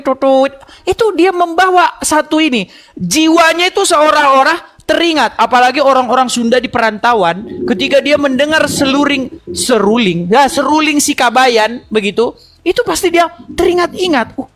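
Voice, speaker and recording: A middle-aged Indonesian man hosting an interfaith discussion, telling stories animatedly and calling his guest "Bang". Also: extremely high pitch. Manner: animated storyteller, imitates flute sounds, frequent "Bang".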